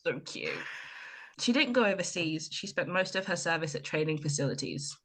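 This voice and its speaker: A woman from Ireland co-hosting a casual chat podcast, retelling scenes with lively quoted voices. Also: low-pitched, moderate pace. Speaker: podcast co-host.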